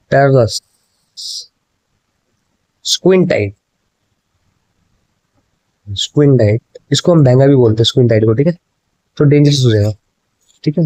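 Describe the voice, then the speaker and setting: A man's voice: medium pitch, mellow, no echo, lo-fi sound. Guy doing exam prep, keeps saying thik hai, dry close mic sound. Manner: mixes Hindi and English, repeats answers, keeps asking "ठीक है?". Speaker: exam coaching teacher. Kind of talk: explaining exam questions.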